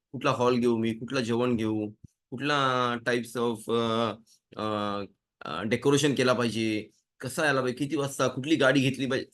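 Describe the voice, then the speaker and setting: A man of middle pitch teaches a relaxed Torah class. He tells everyday stories and slips into short acted-out exchanges, shifting his voice from one speaker to the next. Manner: animated storytelling, acts out dialogues with changing voices. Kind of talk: casual Torah lesson.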